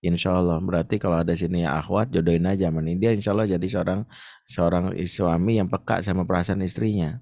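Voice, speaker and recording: A man speaking as an ustadz in an Islamic parenting talk, answering a question in a lively, joking way. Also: deep voice, fast, vocal fry, no room sound, studio quality. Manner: lively, joking, acts out stories.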